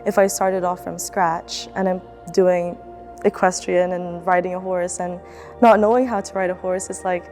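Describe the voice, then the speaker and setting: A woman's voice: on the low side, level tone, moderate pace, darkish tone, faint music behind. A young woman student athlete from the Philippines, speaking in a casual, reflective documentary interview with fillers and restarts. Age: young adult.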